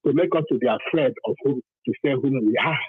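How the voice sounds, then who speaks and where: A Nigerian-accented man from southern Nigeria calls in to a talk programme and speaks with passion and emphasis, repeating phrases to drive his points home. His voice is mid-range and fairly quick. The call sounds thin and roomy, as phone lines do.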